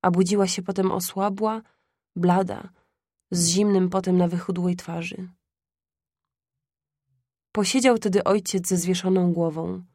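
Calm woman storyteller, even delivery, dry close mic. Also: on the low side, a little slow, pauses often, dry recording. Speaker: audiobook narrator. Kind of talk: scripted literary narration.

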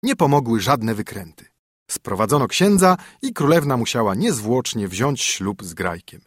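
A man reads a fairy tale aloud with a husky, slightly breathy voice and a lively, melodic rise and fall. The delivery is measured and expressive, recorded close and dry with no room sound. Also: mid-range voice, no room sound. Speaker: narrator. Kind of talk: storybook narration.

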